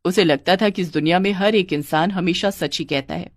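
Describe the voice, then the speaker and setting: A woman narrating a cartoon family story in a plain, even storytelling voice. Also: on the low side, normal speed, no room sound, clean studio sound.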